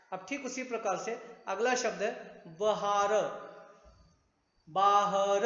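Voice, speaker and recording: Teacher, male, high voice, patient explainer, roomy classroom echo, dull lo-fi sound. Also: a bit bright. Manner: patient, repeats and spells out sounds. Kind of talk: grammar lesson at a board. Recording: echoey room, dull sound.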